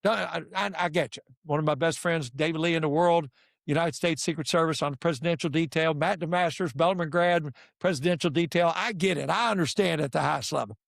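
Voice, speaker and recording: Older coach, gravelly storyteller acting out each voice, dry close sound. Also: male voice, fairly high pitch, fast talker, dry recording. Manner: animated storyteller acting out dialogue. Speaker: podcast guest, basketball coach. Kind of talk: storytelling in casual conversation.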